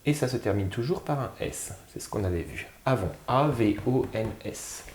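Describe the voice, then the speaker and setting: A man teaching a spelling lesson, sounding out syllables slowly and carefully. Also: medium pitch, animated, darkish tone, roomy sound, a little hiss or hum. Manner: slow, drawn-out, sounding out syllables.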